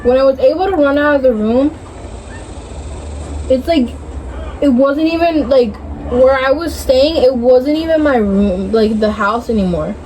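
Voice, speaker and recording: A woman's voice: high voice, a little slow, long pauses, warm tone, slight background noise, rough recording. A young woman casually telling a dream story in a hazy, puzzled way, groping for words and swearing often.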